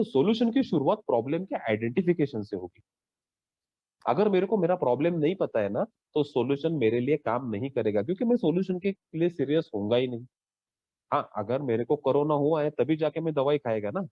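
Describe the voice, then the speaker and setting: A man, sharing his own story at a Twelve Step workshop, earnest and full of rhetorical questions, slipping into English phrases. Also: no echo. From India. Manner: rhetorical questions, lively pitch swings. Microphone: online call. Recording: dull lo-fi online call audio.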